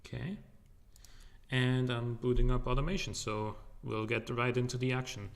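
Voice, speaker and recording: A man's voice: medium pitch, fairly even intonation, normal speed, vocal fry. A man streaming a game in loose, rambling casual commentary, his voice echoing in a large, empty living room. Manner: rambling, loose and joking, with many fillers. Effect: echo from a large empty room.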